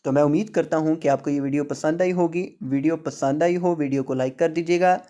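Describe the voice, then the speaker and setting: A man teaching Quran reading, slowly spelling words letter by letter and patiently repeating the rules. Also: fairly high pitch, fairly even intonation, dark tone, highs cut off. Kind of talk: online tajweed lesson.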